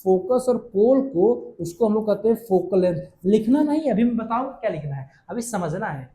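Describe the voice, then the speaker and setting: Guy teaching physics, reads definitions real slow so you can write them down, calls the kids pet names. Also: high voice, animated, warm tone. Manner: asks questions and answers them himself; calls students beta and affectionate nicknames. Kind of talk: recorded classroom lecture.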